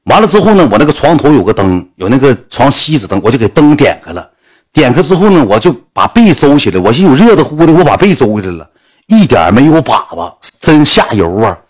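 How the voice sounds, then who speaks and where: A man's voice: mid-range voice, very animated, fast. A man with a Northeastern Mandarin accent, a livestreamer telling a crude comic story full of sound effects.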